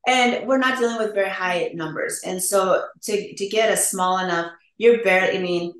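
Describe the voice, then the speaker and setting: A woman clinician explaining testosterone treatment options plainly in a podcast interview, with a practical manner. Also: mid-range voice. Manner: explanatory, practical, quick to laugh. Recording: roomy echo.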